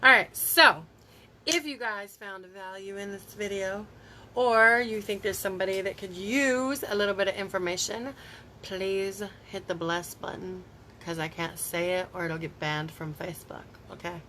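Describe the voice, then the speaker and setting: A woman from Tennessee talks into her phone on a home live stream. She chats in a rambling, friendly way and answers her viewers as she goes. Her voice is bright and forward, with a faint hiss of room noise behind it. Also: mid-range voice, normal speed. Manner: chatty and rambling, laughs often, reacts to viewer comments. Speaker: beauty vlogger hosting a live stream. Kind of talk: casual live-stream chat.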